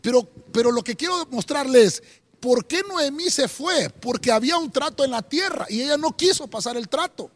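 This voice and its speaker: High-pitched animated man preaching. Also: moderate pace. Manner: preaching with rising emphasis, repeated "hermano". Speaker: pastor. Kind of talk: sermon.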